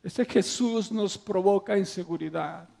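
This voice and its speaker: A male preacher delivering a sermon in a high, gravelly voice. He builds his phrases into emphatic, impassioned peaks and keeps throwing rhetorical questions at the congregation. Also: measured pace, mellow.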